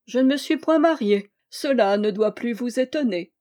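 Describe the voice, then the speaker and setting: Expressive woman reading a classic tale. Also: fairly high pitch, normal speed. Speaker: audiobook reader. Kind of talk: literary audiobook narration.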